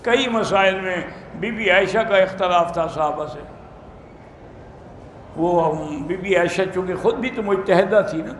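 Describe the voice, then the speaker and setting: A man, an Islamic scholar, giving brisk, plain-spoken answers to religious questions in a question-and-answer talk. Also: sits high, slight background noise. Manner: plain-spoken, brisk, matter-of-fact rulings. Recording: echoey room.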